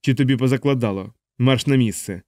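A man's voice: mid-range voice, a little fast, a little mellow, dry recording, studio quality, natural voice. A man voicing a panicked, desperate male bombardier, pleading hysterically.

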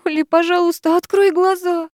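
Brief: woman reader voicing a hysterical young woman, shrill and tearful, dry close sound. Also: little pitch movement, moderate pace, a little mellow, no room sound. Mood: frantic. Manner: frantic, tearful high cries. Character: young woman friend, panicked and sobbing.

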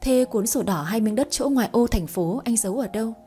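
A woman voicing a sharp-tongued middle-aged wife in a read-aloud comic story. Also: fairly high pitch, animated, brisk, soft background music, close to an everyday voice. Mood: pleading. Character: middle-aged wife, tearful then shrill.

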